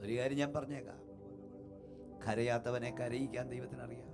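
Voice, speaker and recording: Fervent pastor over church music. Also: male voice, mid-range voice, little pitch movement, moderate pace. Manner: fervent preaching with repeated rhythmic phrases; shouts to a climax, then drops to a hushed storytelling voice. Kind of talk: Pentecostal sermon. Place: church hall.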